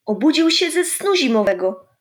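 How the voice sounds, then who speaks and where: A woman's voice: sits high, big pitch swings, moderate pace, pitched above the performer's own voice. A woman doing a kind, patient old grandpa. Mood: gentle. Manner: gentle, coaxing, explaining.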